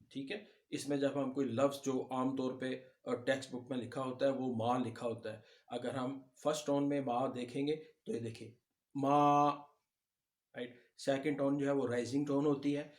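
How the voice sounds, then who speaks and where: A man's voice: medium pitch, a little mellow. Man teaching a language lesson, patient. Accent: Pakistani Urdu. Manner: patient, explanatory, reassuring. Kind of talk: slide-based language lesson.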